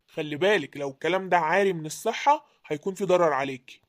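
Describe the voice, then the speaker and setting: A woman's voice: lowish voice, quick pace, natural voice. A woman voicing a stern male police officer who speaks Egyptian Arabic in a formal, businesslike way.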